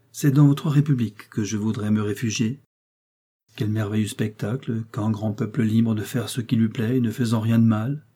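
A man's voice: mid-range voice, warm tone, slightly rough, natural voice. A man reading the part of a proud aristocratic woman who calls herself a revolutionary, speaking in an emphatic, declamatory manner.

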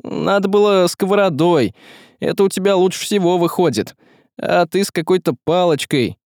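A man voicing a brash, quick-tempered young man who speaks bluntly in modern slang. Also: high-pitched, darkish tone, no room sound, clean studio sound, pitched above the performer's own voice. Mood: worried.

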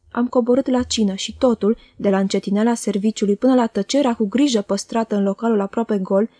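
A woman's voice: a little high, dark tone, no room sound, clean studio sound. Woman reading a novel aloud. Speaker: audiobook reader. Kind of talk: scripted narration.

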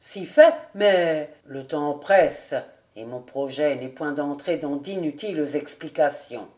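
A woman voicing a grave old male nobleman who speaks slowly and sadly for an audiobook. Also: deep voice, a little mellow, pitched below the performer's own voice. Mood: fervent. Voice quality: slow, sad, solemn delivery.

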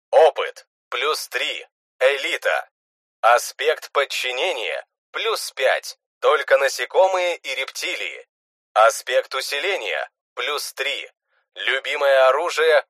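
A man's voice: mid-range voice, dry recording, full character voice. A man voicing a magical status interface and reading its stat list in a list-like way. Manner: flat, list-like readout. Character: magical status interface listing character stats.

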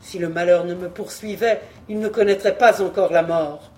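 An audiobook reader voicing a grieving, proud male warrior king who laments loudly. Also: medium pitch, fairly even intonation, normal speed, close to an everyday voice. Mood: despairing. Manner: lamenting, emphatic. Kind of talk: audiobook reading.

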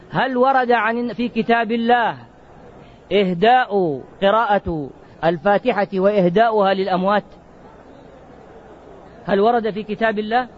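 A man preaching with a high voice, on a muffled, lo-fi recording. He keeps asking his listeners questions and answers them himself. He slows down hard and stretches out the words he wants to stress. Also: slight background noise. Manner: questioning, drawn-out emphasis on key words. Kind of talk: sermon.

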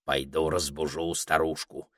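A man's voice: extremely low pitch, level tone, unhurried, no echo, clean studio sound. A man voicing a cheerful, teasing male parrot in a storybook reading. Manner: jaunty, teasing, soothing.

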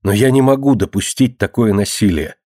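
A man's voice: lowish voice, fairly quick, dark tone, no room sound, studio quality, lightly acted. A man voicing an anxious, loving mother who talks nervously and pleads.

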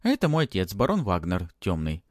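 A man voicing a bold, fiery young noble girl who speaks high and fiercely in an audiobook. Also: wildly swooping pitch, brisk, dry recording, clean studio sound. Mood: defiant.

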